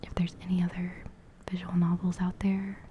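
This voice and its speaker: A woman in a whispered role-play, playing and reading a game aloud in a soft, chatty whisper and reacting as she goes. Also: fairly low pitch, monotone, moderate pace, dull audio, slight background noise. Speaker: ASMR creator.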